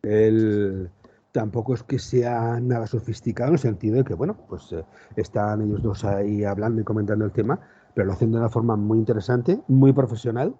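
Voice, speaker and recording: A man's voice: fairly low pitch, fairly quick, dark tone, slight background noise. A man with an accent from Spain chatting casually as a podcast co-host, hesitant and repeating words for emphasis. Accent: Spanish from Spain. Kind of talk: casual chat. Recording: slightly muffled sound.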